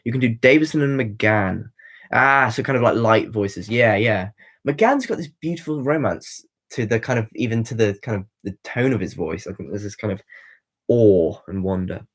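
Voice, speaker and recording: A young man in his twenties hosts a casual livestream, chatty and rambling as he responds to viewer comments with many ums and restarts. His mid-range voice is expressive and a bit bright, at a moderate pace.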